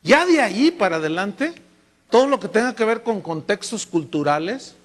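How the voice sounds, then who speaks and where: A man with a Mexican Spanish accent preaching a sermon as a pastor, lively and full of rhetorical questions to the congregation. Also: high voice, normal speed. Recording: long reverb from a large hall.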